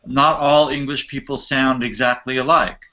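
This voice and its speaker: A man's voice: mid-range voice, fairly even intonation, moderate pace, sharp tone. An American man directing and hosting a play reading over a video call, chatty and encouraging. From United States. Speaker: director and host. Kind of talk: casual directing chat. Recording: dull lo-fi video call audio.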